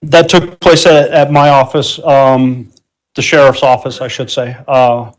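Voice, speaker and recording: A man's voice: mid-range voice, level tone, a little slow, low-quality recording. Hesitant male detective on the witness stand. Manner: polite, formal, brief answers. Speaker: police detective witness testifying. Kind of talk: courtroom testimony.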